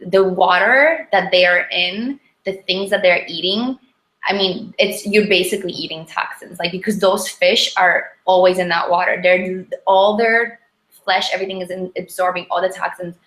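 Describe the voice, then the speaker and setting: A woman with a Polish accent chatting casually and informally, in an animated, rambling way, as an interview guest. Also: fairly low pitch, normal speed. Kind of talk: casual chat about diet. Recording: echoey, roomy sound.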